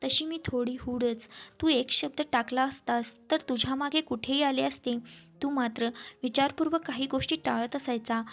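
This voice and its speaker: A woman reading as a wistful married woman. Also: high voice. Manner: wistful, intimate, confiding. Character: married woman recalling first love, wistful. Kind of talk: storybook reading.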